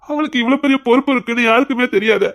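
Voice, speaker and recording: A family elder calmly consoles and gently scolds a crying relative, played by a woman in a comic skit. She speaks with a Tirunelveli Tamil accent in a fairly high voice. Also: very fast, lightly acted. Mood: consoling.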